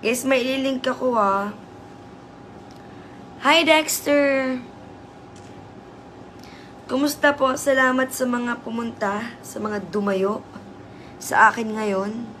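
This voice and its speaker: A hoarse woman hosting a casual livestream, chatty and teasing as she greets viewers. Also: fairly high pitch, takes it slowly, long pauses, fairly bright tone, slight background noise. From Southern Leyte, Philippines. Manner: chatty, teasing, laughs often. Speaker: livestream host.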